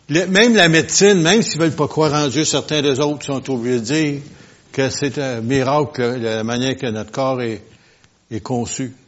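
A male preacher gives a sermon and speaks straight to his congregation, full of questions and asides. He drops to near-murmurs, then surges into loud, forceful declarations. His voice sits at an ordinary pitch on a dull, lo-fi recording. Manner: swings from quiet asides to loud emphatic bursts. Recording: lo-fi, dull sound.

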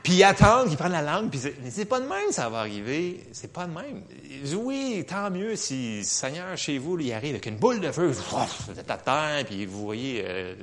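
A man with a Quebec French accent preaching in church, telling a personal testimony in an animated, laughing storytelling manner. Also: a little high, normal speed, hardly any pauses, slight background noise.

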